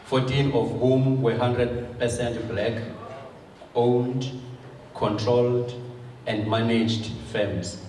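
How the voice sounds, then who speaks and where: A South African man delivering a formal prepared government speech in measured, short phrases. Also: mid-range voice, flat delivery, darkish tone. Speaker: government official giving a speech. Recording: echoey hall, distant microphone, faint noise.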